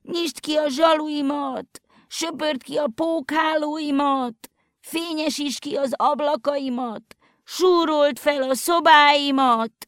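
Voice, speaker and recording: A woman doing a raspy, screeching old house. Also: high voice, fairly even intonation, no echo, studio quality, voice pushed up, close to an everyday voice. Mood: pleading. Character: old house crying out for help.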